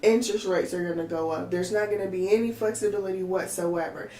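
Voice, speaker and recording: A woman's voice: fairly low pitch, quick pace. Exasperated woman ranting in an echoey room. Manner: animated, exasperated, ranting with many fillers. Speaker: podcast co-host. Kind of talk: casual chat. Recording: echoey room with faint noise.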